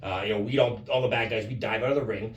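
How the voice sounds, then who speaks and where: A man from Canada, a guest wrestler, telling lively stories with plenty of swearing in a casual interview. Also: on the low side, fast, far from the mic, muffled recording, slight background noise. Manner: animated storyteller, swears freely. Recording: roomy, off-mic with faint ambience.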